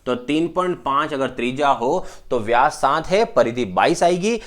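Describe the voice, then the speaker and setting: A man's voice: mid-range voice, animated, moderate pace, a bit bright. A man teaching a maths lesson at a whiteboard, emphatic, asking the class questions and answering them himself.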